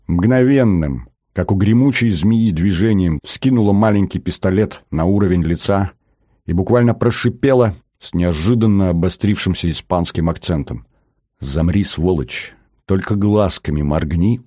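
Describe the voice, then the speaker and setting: A man narrating an audiobook in the first person, steady and measured, on a close mic. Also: low voice, no room sound.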